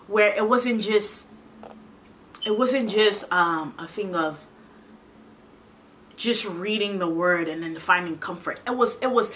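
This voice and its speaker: A woman's voice: mid-range voice, sharp tone, slight background noise. A young woman sharing a faith testimony in an earnest, preachy way, often repeating herself and calling viewers sis. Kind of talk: heartfelt testimony talk.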